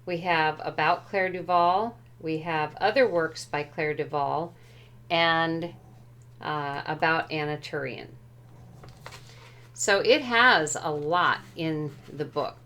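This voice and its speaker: A woman speaks in a lowish, unhurried voice as she walks through a tarot deck at home. She is careful and tentative and often hedges on how a word translates. Her pace stays slow and deliberate throughout. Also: a bit bright. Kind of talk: unhurried show-and-tell walkthrough.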